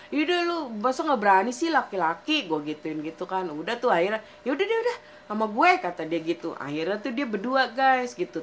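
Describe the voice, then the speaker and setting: A woman's voice: mid-range voice, fairly bright tone, a little hiss or hum. A young woman tells a personal ghost story in casual chat, acting out her friends' lines as she goes. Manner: chatty, acts out friends' lines. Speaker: horror story narrator.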